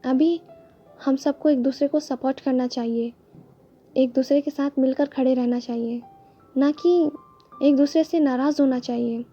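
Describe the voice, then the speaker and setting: Woman doing caring elder sister, soothing, high voice, mellow, lo-fi. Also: steady tone, unhurried, slightly rough, faint music behind. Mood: gentle.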